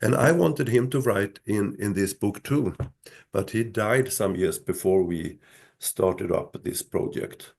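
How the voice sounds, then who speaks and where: Slow, gravelly-voiced man losing his voice. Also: on the low side, darkish tone. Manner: slow, halting, many restarts. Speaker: son telling his mother's story. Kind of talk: live talk with a host.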